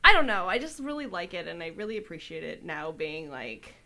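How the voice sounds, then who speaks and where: A woman's voice: on the low side, fairly quick. A young woman co-hosting a podcast, chatting casually with lots of fillers and swearing. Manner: swearing, many "like" fillers, animated storytelling. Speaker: podcast co-host. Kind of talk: casual chat.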